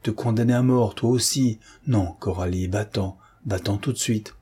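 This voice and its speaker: An urgent young officer begging the woman he loves to save herself, read by a man with a low, mellow, very husky voice. Earnest and insistent throughout, in a classic novel audiobook. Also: moderate pace. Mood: urgent pleading. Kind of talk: audiobook dialogue reading.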